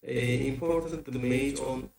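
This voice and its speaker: Halting man over a bad video-call connection. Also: medium pitch, fairly even intonation, gravelly, darkish tone. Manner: halting, with frequent restarts. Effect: remote voice over a bad online connection. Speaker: invited seminar speaker. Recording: distant, echoey video-call audio.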